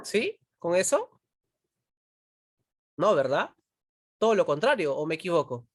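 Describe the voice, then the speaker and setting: A woman's voice: lowish voice, very animated, unhurried, slightly rough, no room sound, studio quality. A woman teaching a philosophy class, constantly checking in with her students, asking them questions and pushing them to answer. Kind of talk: online pre-university class.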